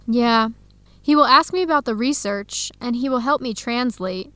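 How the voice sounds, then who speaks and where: An actress in an English-learning radio drama plays an earnest young researcher confiding carefully and clearly, in a wistful mood. Her voice is on the high side, a bit bright and close to everyday speech, at normal speed with no room sound.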